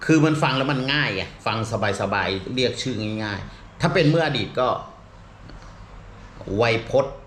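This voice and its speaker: A man's voice: medium pitch, animated, normal speed, pauses often, fairly bright tone. A middle-aged man, a comedian, explaining at length in a rambling casual way, full of fillers, restarts and polite particles. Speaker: comedian and show regular. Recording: echoey room with faint ambient noise.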